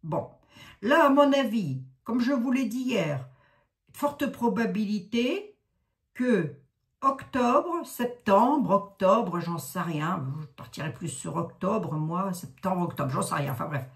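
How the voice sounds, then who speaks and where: A woman's voice: medium pitch, expressive, slow pace. A woman in her sixties with a Lorraine accent, reading oracle cards in a rambling, chatty way full of asides and fillers. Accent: Lorraine French. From Lorraine, France. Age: 60s. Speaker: card reader, psychic. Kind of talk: casual oracle card reading.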